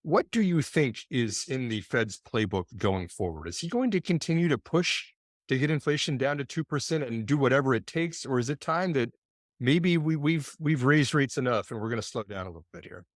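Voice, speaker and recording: A man's voice: medium pitch, sing-song, normal speed, dry recording. A man hosts an investing interview and puts long, considered questions to his guest. His voice sits in a middle range, and the recording is dry and close. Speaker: host interviewer.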